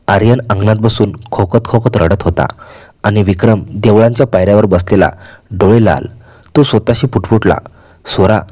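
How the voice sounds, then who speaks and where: A man narrating a scripted crime story in a dramatic, measured way. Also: fairly low pitch, warm tone.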